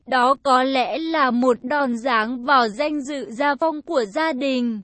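A woman narrating a first-person family story in a measured storytelling manner. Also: sits high, no room sound.

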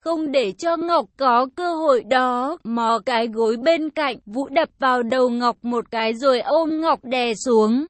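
A woman narrating a story in an even, unhurried way. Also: sits high, no room sound. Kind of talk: story reading.

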